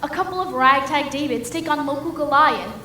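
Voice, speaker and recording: A young woman on a school stage playing an ambitious young reporter who talks briskly and persuasively. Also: sits high, pushed and bright. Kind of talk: school stage musical acting. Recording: echoey hall, faint noise.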